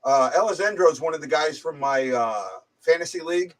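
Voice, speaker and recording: A man's voice: a little high, a little fast. A man hosting a casual livestream chat, his voice muffled as if on speakerphone, with a slight head cold, rambling and stumbling over his words. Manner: rambling, hesitant, stumbling repeats. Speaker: livestream host. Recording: distant muffled mic.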